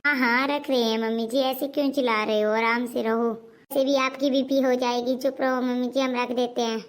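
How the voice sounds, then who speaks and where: A woman playing a jealous, sharp-tongued elder daughter-in-law, sulky and sarcastic. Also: a little high, little pitch movement, moderate pace, close to an everyday voice. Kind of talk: homemade family skit.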